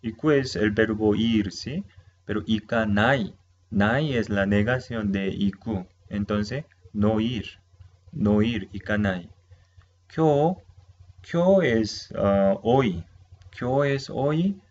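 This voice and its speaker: A man teaching a slow, patient language lesson, with Japanese as his first language. His voice sits on the low side, and he repeats each word and checks in with the listener. The recording is a little dull and carries a faint hiss of room noise. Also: darkish tone.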